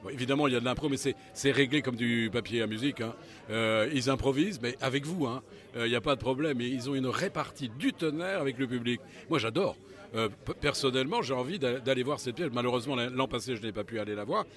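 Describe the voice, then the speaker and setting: A man's voice: medium pitch, fast talker, fairly bright tone. A man hosting a casual interview, playful and talkative. He fills gaps with "euh" and cracks puns as he goes, in an easygoing, friendly-sounding way. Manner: jokey, chatty, full of fillers and puns.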